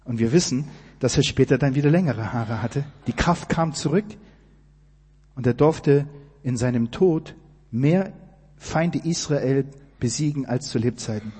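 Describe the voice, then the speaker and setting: A man preaching a sermon, emphatic and direct, asking his listeners questions and building to loud climaxes. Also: mid-range voice, measured pace, slightly rough, long reverb tail. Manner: emphatic, rising to near-shouting climaxes.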